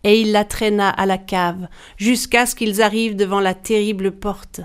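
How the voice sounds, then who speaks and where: A woman narrating a dark fairy tale in a measured, dramatic storytelling manner. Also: mid-range voice, fairly even intonation, clean tone.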